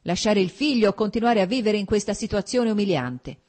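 A woman's voice: mid-range voice, expressive, a little fast, darkish tone, pitched above the performer's own voice, natural voice. A woman reading aloud, voicing a young male officer who speaks earnestly and insistently, pleading to be heard.

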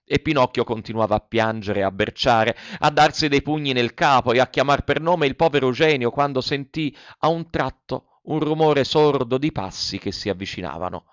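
A man's voice: medium pitch, moderate pace, few pauses, dry recording. Man reading a storybook aloud. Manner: expressive storytelling, voices the characters. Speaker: narrator. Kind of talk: audiobook reading of a classic tale. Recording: dry, slightly dull recording.

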